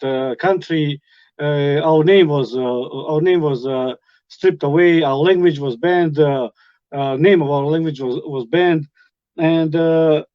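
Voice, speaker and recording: A middle-aged man from Bosnia with a Bosnian accent, telling his life story as a guest, halting with many fillers and restarts. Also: on the high side, a little mellow, no echo, muffled recording. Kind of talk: personal testimony.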